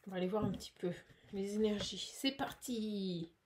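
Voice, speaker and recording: A woman giving a casual, chatty tarot card reading, animated and full of fillers. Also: mid-range voice, normal speed, background noise.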